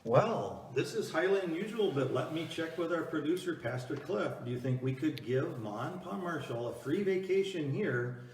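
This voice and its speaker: In an echoey room, slightly distant with some noise, a man plays a small-town talk-show host in a comedy skit. He presents in an easygoing, halting way. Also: a little high, expressive, a little mellow, lightly acted. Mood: hesitant.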